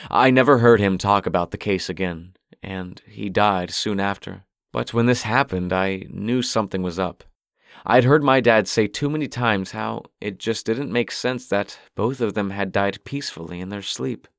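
A guarded, somber police detective, as a male narrator plays him in a low voice. He speaks in a measured way, told as an audiobook. The sound is dry and close to the mic. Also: vocal fry, no echo. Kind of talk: audiobook character voice.

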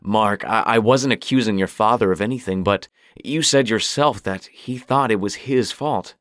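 An earnest, probing man, as a male narrator plays him in a low voice. He presses with questions in an audiobook reading. The recording is dry and close. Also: moderate pace, fairly bright tone, no echo, lightly acted. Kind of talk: audiobook character voice.

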